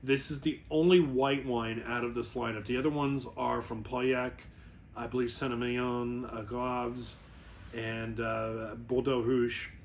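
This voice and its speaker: A man reviews wine at a measured pace, his medium-pitched delivery flat. Despite that, his style is casual and rambling, with frequent self-corrections. A little hiss or hum runs underneath.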